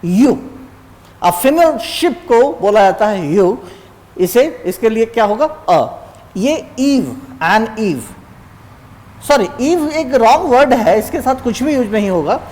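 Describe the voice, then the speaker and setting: A teacher with rhetorical questions in a reverberant hall. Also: male voice, very high voice, big pitch swings, a little mellow. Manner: quizzes students with rhetorical questions, then answers them; repeats example words slowly. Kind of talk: exam-prep grammar lesson.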